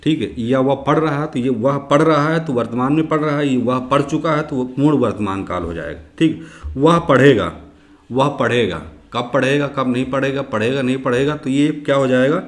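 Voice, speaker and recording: A man leads a grammar class for exam prep, with a voice that is a little hoarse and an occasional throat-clear. He poses every question out loud, then answers it and repeats the answer. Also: mid-range voice, brisk, hardly any pauses. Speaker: teacher.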